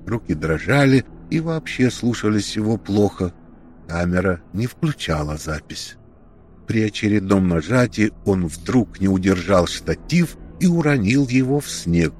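Low-voiced male storyteller. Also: expressive, measured pace, darkish tone, faint music behind. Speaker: narrator. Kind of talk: scripted story narration.

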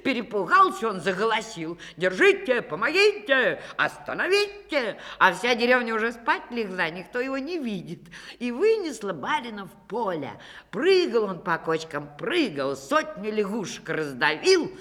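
A woman telling a folk fairy tale aloud, with lively, dramatic shifts between hushed and loud passages. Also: mid-range voice, normal speed, long reverb tail. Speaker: storyteller. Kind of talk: animated fairy-tale reading.

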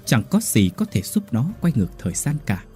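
A man's voice: mid-range voice, sing-song, fairly quick, warm tone. A man narrating a horror story with dramatic delivery. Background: faint music.

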